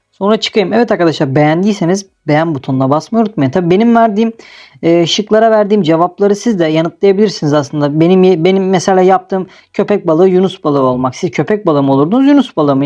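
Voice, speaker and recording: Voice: mid-range voice, a little mellow, dull audio. A young adult host casually commenting on a game he is playing, teasing and laughing often. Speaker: gaming video host.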